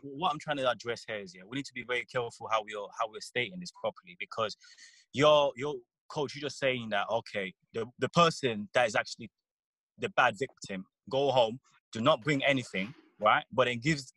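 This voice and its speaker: A man in a casual panel debate, insistent and halting, often repeating words as he builds his argument. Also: medium pitch, a bit bright, no room sound, low-quality recording.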